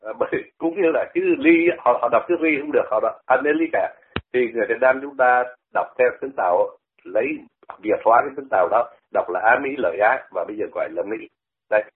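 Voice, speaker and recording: A man's voice: mid-range voice, brisk, slight background noise. Older man, radio commentator, explanatory, thin phone-line sound. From Vietnam. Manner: conversational and explanatory, repeats words to demonstrate pronunciation. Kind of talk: radio talk, explaining language.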